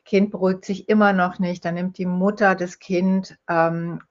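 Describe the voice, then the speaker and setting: A woman's voice: fairly low pitch, little pitch movement, normal speed. A woman guest in a conversational interview, explaining her ideas through vivid stories and acting out the voices of the people in them. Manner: storytelling, acts out quoted speech. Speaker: guest, holistic dental health speaker. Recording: dull lo-fi sound.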